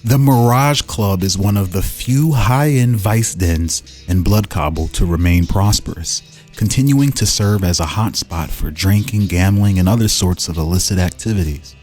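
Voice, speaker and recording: Reading fan-made game lore aloud, a male host keeps things casual, pausing for thoughtful, informal asides. His voice sits low and is a little mellow, he talks at a normal speed, and music runs underneath.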